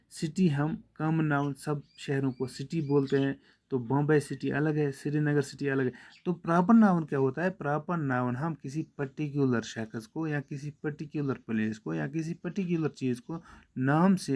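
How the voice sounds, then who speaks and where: A man teaching young pupils, explaining points slowly and repeating them patiently. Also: fairly high pitch, a little mellow. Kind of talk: classroom lesson for children.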